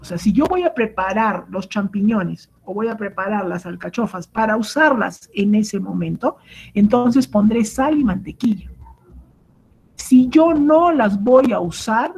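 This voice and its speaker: Woman, culinary instructor, husky voice, gravelly edge, explanatory lecture. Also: medium pitch, darkish tone, rough recording. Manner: explanatory, keeps asking "¿correcto?" and "¿no?"; many fillers and restarts. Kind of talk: online cooking lecture.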